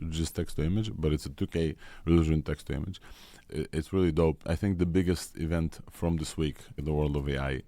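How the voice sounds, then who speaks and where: Heard with no echo, a low, mellow male voice with a Russian-Israeli accent hosts a tech news rundown. He's informal and enthusiastic throughout.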